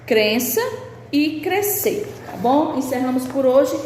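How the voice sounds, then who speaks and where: A woman with a Brazilian Portuguese accent teaches a remote lesson, walking through workbook exercises one by one. She talks very slowly and patiently, her voice a little high. The room is echoey with a long tail and a faint hiss behind her. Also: animated, darkish tone. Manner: slow, patient explaining, reading out questions.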